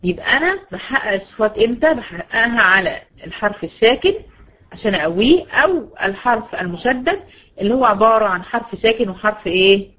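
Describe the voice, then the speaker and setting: Brisk Egyptian woman teaching tajweed. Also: mid-range voice, animated, a bit bright, rough recording. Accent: Egyptian Arabic. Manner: brisk, asks students questions and answers them herself; slows to stretch out example words. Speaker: Quran recitation teacher. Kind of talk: online tajweed lesson to female students.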